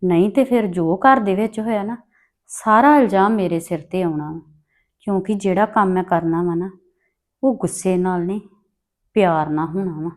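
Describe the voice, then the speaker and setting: A woman with a Punjabi accent playing a bitter, scheming daughter-in-law who speaks in sharp, scornful retorts. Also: high voice, a little fast. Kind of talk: amateur family drama acting.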